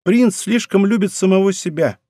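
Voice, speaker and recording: A man's voice: high voice, moderate pace, dark tone, no echo, clean studio sound, voice pushed up. A man voicing a proud young princess in an audiobook, pleading and slightly mocking. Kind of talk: audiobook character reading.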